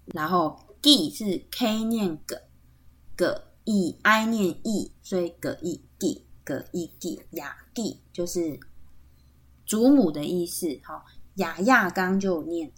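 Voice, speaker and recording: Woman, Taiwanese Mandarin accent, podcast language lesson, slow deliberate pace, spells out letters, patient explainer. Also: fairly low pitch. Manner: frequent tag particles seeking agreement. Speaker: podcast host teaching Atayal kinship terms.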